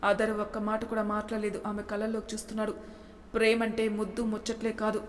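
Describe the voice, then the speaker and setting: A woman narrating a romance storybook in an even, steady reading manner. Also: mid-range voice, fast talker. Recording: long hall reverb.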